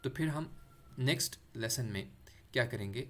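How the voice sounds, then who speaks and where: A man teaching Quran recitation, explaining letters patiently and drawing out sounds slowly for practice. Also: mid-range voice, slight background noise. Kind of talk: explanatory lesson with demonstrated pronunciation.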